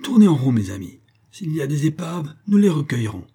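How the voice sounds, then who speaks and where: A man voicing a furious veiled woman who leads a gang, barking orders in a raised, higher voice. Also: sing-song, fairly quick, husky. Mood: triumphant. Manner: commanding, shouting orders.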